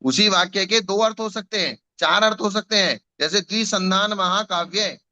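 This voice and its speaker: Man, scripture teacher, high bright voice, patient explanations, dull lo-fi sound. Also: normal speed. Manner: patient, explains with examples and repetition.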